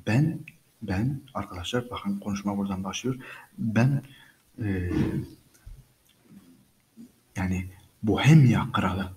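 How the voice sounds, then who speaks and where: A man's voice: on the low side, slow pace, pauses often, darkish tone, rough recording. A man teaching English by reading a story aloud and explaining each line patiently, repeating phrases and speaking to listeners as friends.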